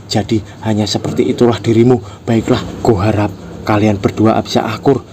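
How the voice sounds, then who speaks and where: A man's voice: fairly low pitch, little pitch movement, brisk, darkish tone, a little hiss or hum, natural voice. A sneering, spiteful schoolgirl bully, voiced by a male reader with a slightly lifted voice. She taunts and jeers with arrogant confidence in a storybook retelling.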